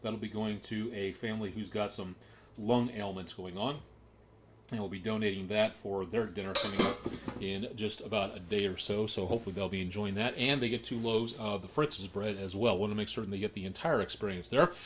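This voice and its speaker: Folksy middle-aged home cook, low-ish voice, relaxed vlog chatter that repeats itself. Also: male voice, brisk, slight background noise. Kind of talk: casual cooking vlog.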